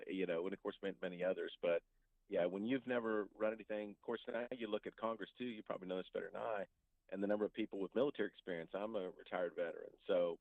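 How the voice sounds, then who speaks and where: A man calling in to a radio talk show over a clipped phone line. He starts out halting, then talks steadily through numbers and examples. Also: low-pitched, no room sound. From North Alabama. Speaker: caller. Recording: tinny, dry phone line.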